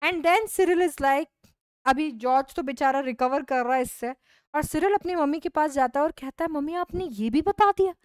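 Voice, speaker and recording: A woman English teacher retelling a play to students in an animated storytelling manner. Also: high voice, normal speed, dry recording, studio quality. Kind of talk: lesson retelling a play, mixing Hindi and English.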